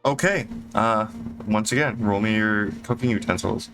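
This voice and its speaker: A man running a tabletop game as game master, narrating in a relaxed, conversational way. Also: lowish voice, normal speed. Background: background music.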